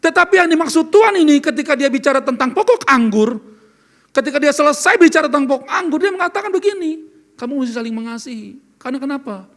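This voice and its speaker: Man, very high pitch, gravelly, pastor, sermon, earnest, asks questions. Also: expressive, quick pace, a bit bright. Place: church service.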